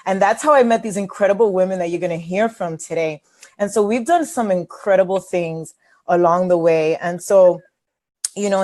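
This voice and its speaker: A woman's voice: fairly low pitch, darkish tone. A woman, hosting a webinar as a coach in a candid, chatty way with many fillers. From New York City. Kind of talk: casual webinar talk.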